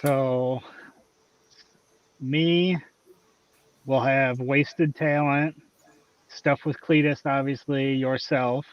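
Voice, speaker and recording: A man's voice: mid-range voice, fairly even intonation, very slow, pauses often, muffled recording. A man in casual chat, answering briefly and listing names.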